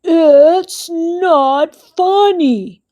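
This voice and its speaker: Casting: a woman putting on a grumpy storybook bear, slow, pompous and formal, with a loud, lively delivery. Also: on the high side, heavily acted. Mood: indignant.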